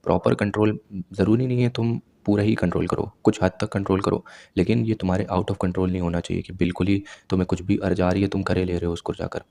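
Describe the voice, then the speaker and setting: Low gravelly young man lecturing. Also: level tone, fast, mellow. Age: 20s. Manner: lecturing, direct second-person advice. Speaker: self-improvement vlogger. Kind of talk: advice monologue to camera.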